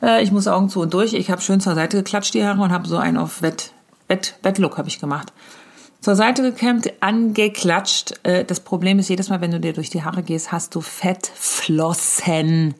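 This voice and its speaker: Breathy, gossipy woman telling a story. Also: mid-range voice, moderate pace. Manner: gossipy, exaggerating, mixes in English phrases. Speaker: comedian. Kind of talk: comic monologue as a voice message.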